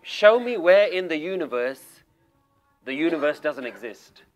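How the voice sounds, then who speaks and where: A man's voice: fairly high pitch, expressive, measured pace, faint music behind. A male spiritual teacher giving an emphatic, questioning talk to a group seated in a room. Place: room with a small audience.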